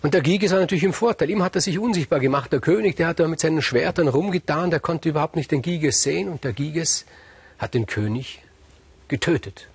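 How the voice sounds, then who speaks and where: A man telling an ancient fairy tale aloud, colloquial and lively, swinging between hushed and loud. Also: on the high side, brisk, slightly rough, no echo. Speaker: storyteller.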